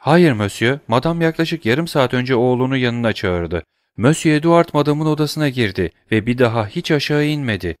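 Anxious respectful servant played by a male narrator, a bit higher than his reading voice, storybook. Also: lively intonation, moderate pace, no room sound, clean studio sound, lightly acted. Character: worried household servant answering the master.

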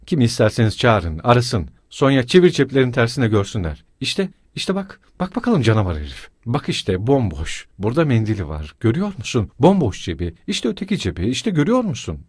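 A man voicing a shrill, frantic woman screaming insults. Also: sing-song, a little fast, hardly any pauses, slightly rough, no echo. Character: frantic, furious poor mother, middle-aged woman. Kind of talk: audiobook character voice.

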